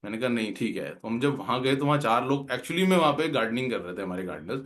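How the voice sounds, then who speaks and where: A man's voice: medium pitch, animated, quick pace, a bit bright. A man earnestly telling a heartfelt personal devotional story, slipping English words into his talk. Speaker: guest speaker at a devotional gathering.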